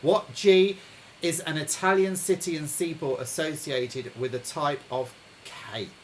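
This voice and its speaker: A man hosting a live-streamed pub quiz from home, chatting with viewers and reading each question slowly, then repeating it. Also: fairly high pitch, steady tone, a little hiss or hum, rough recording. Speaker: quiz host. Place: home during lockdown.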